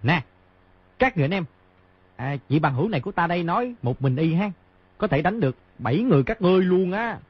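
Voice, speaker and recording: A man's voice: lively intonation, quick pace, husky, dry recording, dull audio. A man voicing a cheeky teenage boy who teases and stirs up trouble, reading a story. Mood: teasing. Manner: shrill, teasing, stirring up trouble.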